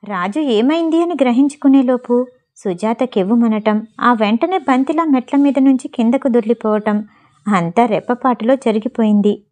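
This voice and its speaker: A woman narrating a Telugu family story in a steady, expressive reading style. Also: fairly high pitch. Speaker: audiobook narrator.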